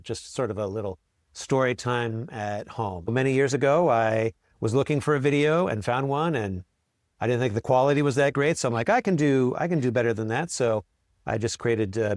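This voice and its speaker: A man's voice: medium pitch, no room sound, studio quality. A man who works as a school librarian, answering interview questions in a friendly way, with ums and repeated words.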